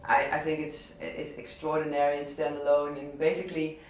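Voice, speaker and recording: Speaking in a monotone on the high side, this man with a southern Brabant Dutch accent halts and restarts, leaning on fillers as he talks casually about records he loves. He's a DJ and selector at an indoor listening session, recorded from a distance in a reverberant room with a little hiss or hum.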